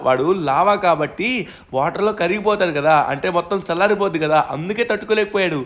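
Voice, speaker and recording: A male gaming host who narrates a role-play over gameplay in a high, quick voice. He talks in bursts, often yelling and exclaiming as he goes. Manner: excitable, shouting, animated.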